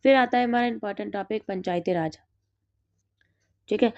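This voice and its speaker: Hoarse woman quizzing through exam notes. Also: mid-range voice, normal speed, no room sound, dull audio. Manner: asks and answers her own quiz questions. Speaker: exam prep teacher. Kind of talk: reading through study notes.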